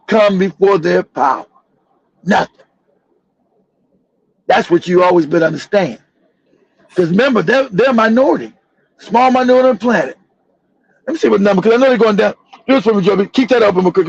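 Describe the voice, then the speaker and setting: A man's voice: sits high, vocal fry, breathy edge, no room sound, muffled recording. A man hosting a livestream talk show, delivering fiery, profane, repetitive commentary. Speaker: show host.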